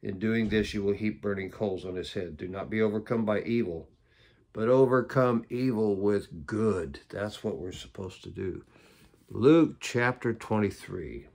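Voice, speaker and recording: Reading scripture for his daily devotion, a man speaks a little slowly in a fairly low voice that is slightly mellow and shows vocal fry. He occasionally breaks away from the text to toss in simple, casual comments.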